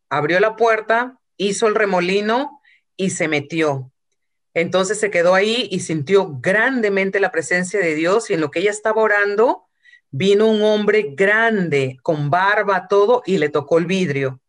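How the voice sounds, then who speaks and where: A woman's voice: mid-range voice, a little slow. A woman preaching a sermon from Peru, retelling a story and acting out quotes, with some English phrases.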